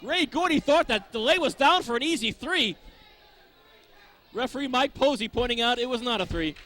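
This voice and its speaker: Male wrestling commentator, very high excited register, sharp forceful tone, wordy descriptive calls. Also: normal speed, soft background music. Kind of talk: live sports commentary.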